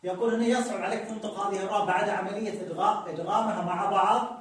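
A man's voice: sits high, fairly even intonation, racing, far from the mic. Man teaching grammar in a very echoey room. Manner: patient, repeats points and reads passages from a text. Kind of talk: grammar lesson.

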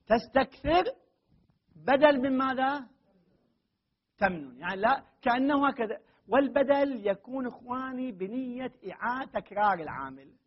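In a dull, lo-fi recording, a high-voiced, husky man teaches a grammar class, working through Arabic grammar and Quran readings. His explanations are slow and repetitive, and he stresses key words emphatically.

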